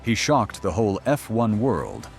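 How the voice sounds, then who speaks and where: A man's voice: fairly low pitch, very animated, unhurried, faint music behind. A man narrating a scripted documentary in a dramatic, mocking storytelling manner.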